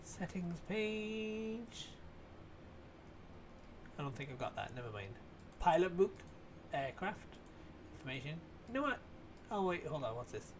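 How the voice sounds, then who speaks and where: Man streamer, chatty explainer, a touch high-pitched, light hiss behind. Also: very animated, fairly quick, pauses often. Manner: chatty and explanatory, swears casually. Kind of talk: casual explanatory chat.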